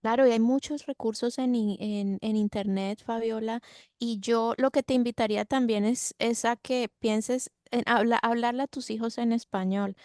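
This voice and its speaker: A woman's voice: fairly high pitch, fairly even intonation, moderate pace, darkish tone, dry recording, clean studio sound. Woman advising parents in a workshop. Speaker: workshop expert speaker. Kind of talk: workshop talk answering parents.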